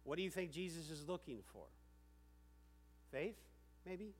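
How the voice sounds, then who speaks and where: Man, pastor, sermon, fairly high voice, emphatic, loud and hushed by turns, long hall reverb. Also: animated, measured pace, slight background noise.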